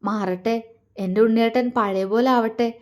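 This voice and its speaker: A woman narrator voicing a heartbroken young woman who speaks softly and haltingly, repeating words through tears. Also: high-pitched, lightly acted. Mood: tearful, pleading. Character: young woman, heartbroken, tearful and self-effacing.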